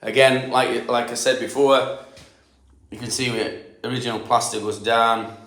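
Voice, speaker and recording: This middle-aged damp proofing specialist, from Yorkshire in England, talks through the job on site in a house being stripped for damp work, explaining loosely with many fillers and restarts. His mid-range voice is level and a bit bright at a normal pace, echoing in the empty room.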